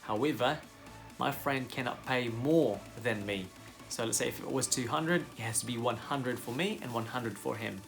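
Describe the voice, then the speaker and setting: A man's voice: medium pitch, normal speed, creaky, fairly bright tone, soft background music. A young man with a Filipino accent, a commercial pilot casually explaining pilot licenses to his viewers, friendly and full of fillers. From Philippines. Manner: friendly, direct address to viewers, frequent fillers.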